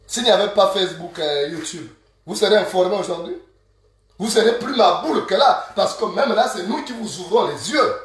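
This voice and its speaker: A man from Gabon with a Gabonese French accent, ranting straight to camera as an online activist, scolding and insulting his listeners and repeating proverbs slowly. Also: high voice, lively intonation. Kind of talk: angry direct-to-camera rant. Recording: very echoey room, from a distance.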